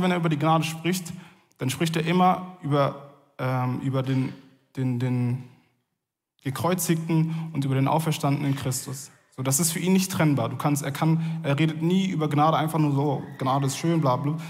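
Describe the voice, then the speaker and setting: A man preaching in an easygoing, talky way, stopping now and then with fillers as he works through his point. His voice sits a little higher than most men's. The hall around him rings with a long reverb. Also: darkish tone. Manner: casual, conversational preaching with many fillers. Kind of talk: sermon.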